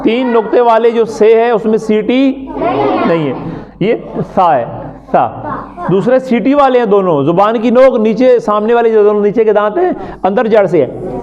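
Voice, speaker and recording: Male recitation teacher, high pitch, call-and-answer drills, lo-fi classroom recording with students around. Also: crowd noise. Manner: drills letter sounds, asks and answers his own questions; chants recited words slowly in a sung tone. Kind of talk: classroom pronunciation lesson.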